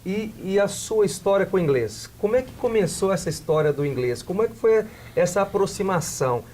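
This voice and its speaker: A man's voice: high voice, animated, a little fast, a little mellow, a little hiss or hum. A man with a Brazilian Portuguese accent hosting a TV business interview, asking several rephrased questions in a row. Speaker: TV talk show host.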